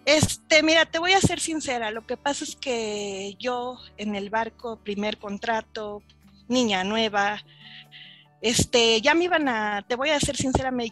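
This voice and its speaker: A Mexican woman with a Mexican accent, a podcast guest telling her story in a lively way and acting out the dialogue. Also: on the high side. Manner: lively, acts out quoted dialogue. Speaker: interview guest. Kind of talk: casual storytelling in an interview.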